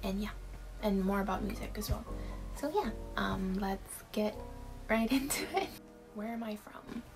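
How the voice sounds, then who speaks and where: Speaking from her bedroom in a Q&A vlog, a woman in her twenties from Taiwan talks casually to the camera, dropping in frequent fillers and small laughs. Her mid-range voice is unhurried, with music underneath and rough recording quality.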